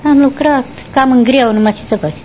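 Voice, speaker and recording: An older woman, recalling her past in a rambling, halting way during an interview. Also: sits high, a little hiss or hum. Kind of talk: oral history recollection. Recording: dull lo-fi recording.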